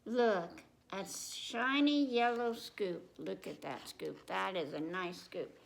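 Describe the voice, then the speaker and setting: Reading picture books for a children's storytime, this woman speaks slowly in a creaky, medium-pitched voice. Now and then she stops to address the young listeners directly, asking simple questions and repeating things.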